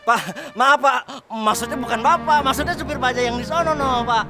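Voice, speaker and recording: A whiny high-voiced jealous suitor. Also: male voice, fairly quick. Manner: whiny, pleading, mocking. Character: pushy jealous young male suitor, comic. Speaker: rejected suitor pleading with the girl's father. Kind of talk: comic TV serial acting. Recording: loud music behind.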